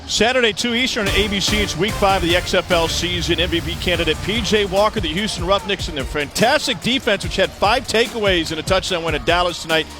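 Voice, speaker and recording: Male announcer, high-pitched voice, live football play-by-play, music behind. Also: fast, hardly any pauses. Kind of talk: live American football commentary.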